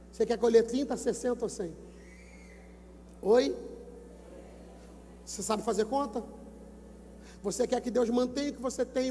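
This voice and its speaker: High-voiced preaching Brazilian pastor, booming hall. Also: male voice. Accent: Brazilian Portuguese. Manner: emphatic preaching, repeats numbers, urges listeners to shout. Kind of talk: sermon at a youth event. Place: large gymnasium. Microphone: handheld microphone. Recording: long gymnasium reverb.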